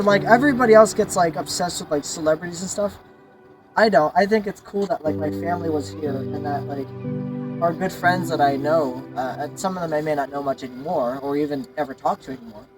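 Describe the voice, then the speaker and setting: A man chatting casually in a vlog, excited and choked up, stammering and repeating himself. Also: high-pitched. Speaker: vlogger.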